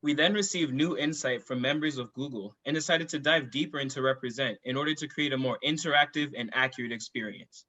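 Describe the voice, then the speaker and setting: Young man delivering a rehearsed startup pitch. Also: a little fast, hardly any pauses, sharp tone, dull audio. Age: teenager. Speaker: student presenter in a pitch competition.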